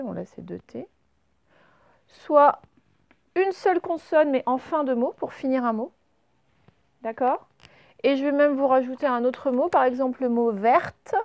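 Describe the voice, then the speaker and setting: A woman with a French accent, a primary school teacher giving a slow, patient spelling lesson to young pupils and stretching out the example words. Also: high-pitched, darkish tone, no room sound.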